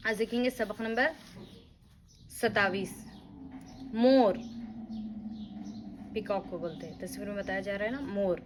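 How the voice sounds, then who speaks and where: A woman's voice: medium pitch, steady tone, a little slow, pauses often, background noise. A woman teaching a beginner reading lesson, spelling words out letter by letter and repeating them patiently. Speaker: Urdu teacher.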